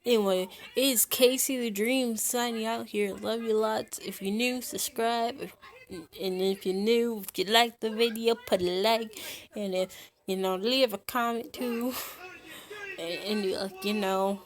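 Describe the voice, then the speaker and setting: A woman's voice: a little high, fairly even intonation, measured pace. A young woman hosting her channel, reading a fan story aloud with giggles, stumbles and rereads. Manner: giggly, stumbles over words and rereads them. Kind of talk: casual reading aloud with asides.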